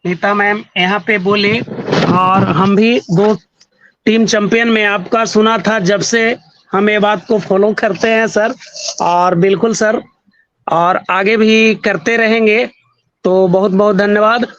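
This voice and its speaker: Male host, polite welcomes; high voice, unhurried, dry muffled call sound. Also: fairly even intonation, fairly bright tone, no echo. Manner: polite, repeated thanks and welcomes. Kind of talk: hosting an online session.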